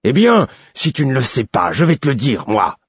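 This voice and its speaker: A gruff, bitter stablemaster who has been drinking, as a man puts him on in a storybook reading. His voice is low and husky, brooding with quiet menace before it bursts into roaring anger. The recording is dry and a little dull. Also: steady tone, measured pace, dry recording. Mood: roaring angry.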